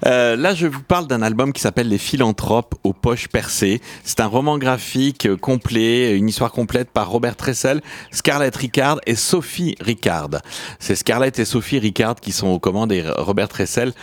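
A man co-hosting a casual radio show about comics, eagerly jumping in with quick restarts. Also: mid-range voice, no room sound. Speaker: radio co-host reviewing comics.

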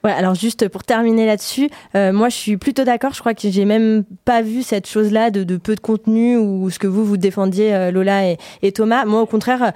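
A woman's voice: mid-range voice, fairly even intonation, brisk, hardly any pauses, warm tone, no room sound, clean studio sound. A woman on a radio panel speaking emphatically and directly about why she loves a book. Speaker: radio panelist reviewing books. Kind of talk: casual radio book review chat.

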